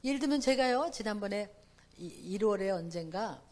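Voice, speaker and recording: A middle-aged woman giving a parenting seminar talk at church. She swings between hushed asides and loud, emphatic exclamations, acts out dialogue and has the audience repeat phrases after her. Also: mid-range voice, expressive, normal speed. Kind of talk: church family seminar talk with personal stories.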